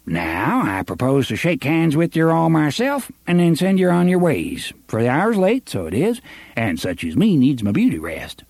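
A man's voice: fairly high pitch, very animated, moderate pace, gravelly, darkish tone, dry recording, voice pushed up, exaggerated voice. A man voicing a pudgy, blustering small-town sheriff who coaxes in a rustic drawl. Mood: coaxing. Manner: wheedling, rustic dialect.

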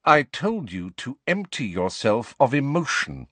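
A man's voice: mid-range voice, very animated, a little slow, a bit bright, dry recording, pitched above the performer's own voice. A man voicing a cold, menacing male teacher who speaks in clipped, cutting phrases. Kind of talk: audiobook character voice.

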